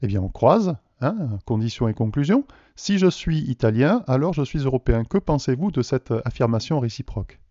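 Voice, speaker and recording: A man from France teaches a math lesson to video viewers. His voice is very dark and mellow, and his delivery is patient and explanatory as he poses questions. The recording is dry and dull. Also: mid-range voice, sing-song, normal speed, hardly any pauses, no room sound.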